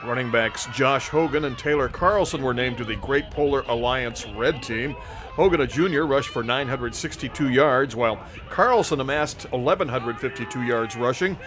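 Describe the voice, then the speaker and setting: A man's voice: medium pitch, moderate pace. A man narrating scripted local sports news as a reporter.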